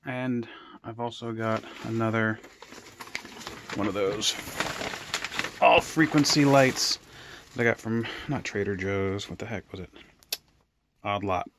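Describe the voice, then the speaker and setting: In an indoor basement grow room, a home gardener leads a casual, unscripted tour, rambling and thinking out loud. His lowish voice is unhurried and pauses often, against a noisy background.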